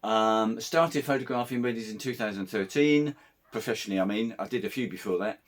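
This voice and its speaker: A man with a slightly croaky voice, a wedding photographer giving a casual, meandering camera review vlog. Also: fairly low pitch, brisk. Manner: conversational, meandering.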